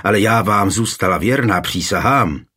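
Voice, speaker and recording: A man's voice: lowish voice, lively intonation, sharp tone, husky, exaggerated voice. A man reading a scared young servant girl. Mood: frightened.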